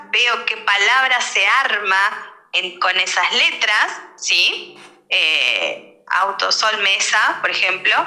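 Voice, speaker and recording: A woman's voice: mid-range voice, bright, forceful tone. A woman giving a speech therapy lecture in a teacherly way, often checking in with her listeners. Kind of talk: online lecture with slides. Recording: roomy echo.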